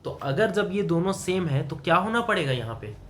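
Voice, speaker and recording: A man giving a classroom grammar lesson in a somewhat higher voice. He keeps asking the student questions and then answers them himself, moving between Hindi and English terms. Faint room noise sits behind him. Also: very animated, moderate pace. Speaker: English teacher.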